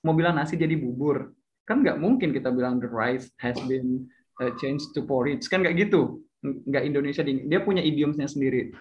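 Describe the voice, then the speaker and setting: A man's voice: mid-range voice, moderate pace, slight background noise. A young man in casual chat, explaining things while often stopping to correct himself. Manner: chatty, hesitant, self-correcting with fillers. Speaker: speaker sharing English tips. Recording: slightly dull lo-fi audio.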